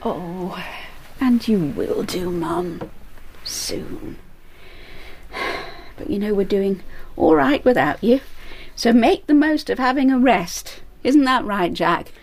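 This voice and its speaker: Gentle middle-aged daughter, husky, soft. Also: female voice, medium pitch, expressive, slow. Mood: soothing.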